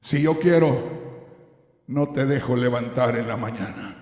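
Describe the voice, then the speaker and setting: A man voicing God as a stern, fatherly divine voice, speaking low and grave in a sermon. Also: a little slow, darkish tone, echoey room, in a large hall, lightly acted.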